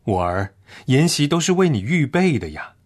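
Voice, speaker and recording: A man voicing a loving, gentle father in a parable, speaking tenderly. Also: mid-range voice, big pitch swings, moderate pace. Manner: tender, soothing.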